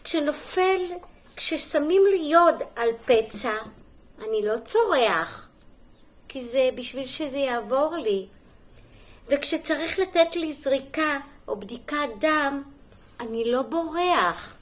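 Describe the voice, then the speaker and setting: High sing-songy woman, kindergarten teacher reading a storybook to little kids, gentle, stops to chat with them. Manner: gentle, sing-song and expressive, as to small children; adds brief asides and questions for the children. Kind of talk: storybook reading to young children.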